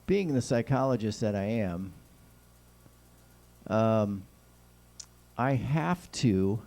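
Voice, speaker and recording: Low, mellow American man with whistling s. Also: animated, takes it slowly, gravelly. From Kansas City, United States. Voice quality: whistling s sounds. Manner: folksy, rambling, neighbourly. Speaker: host of a talk show. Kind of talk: casual solo political chat with light humour.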